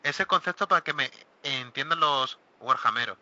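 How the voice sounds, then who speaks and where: A man hosting a casual hobby talk show, animated and exclaiming, often acting out what other players say. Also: medium pitch, normal speed. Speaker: host of a miniature wargaming talk show. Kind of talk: casual panel chat. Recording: dull lo-fi recording.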